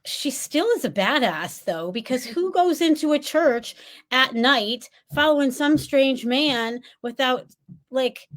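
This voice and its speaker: Book show host, woman, slightly high, enthusiastic casual interviewer. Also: animated, takes it slowly. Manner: enthusiastic, laughs often. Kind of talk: casual chat.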